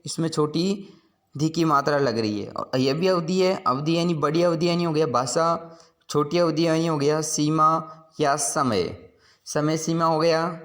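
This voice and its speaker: A man's voice: on the high side, a little slow. A man teaching a school lesson, patiently explaining word meanings and repeating each point.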